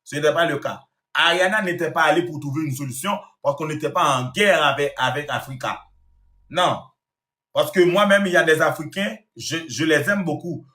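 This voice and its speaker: A Haitian-born online commentator scolds his viewers directly in a monologue, repeating himself to drive the point home. His voice is a little high, pushed and bright, at a moderate pace, in an echoey room.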